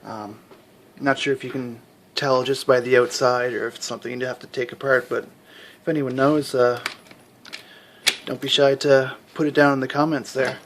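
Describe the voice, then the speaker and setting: A man's voice: medium pitch, little pitch movement, moderate pace, a bit bright, a little hiss or hum. A man, a hobby lock picker, casually showing his collection to camera at home, rambling with lots of fillers and restarts. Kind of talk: casual show-and-tell.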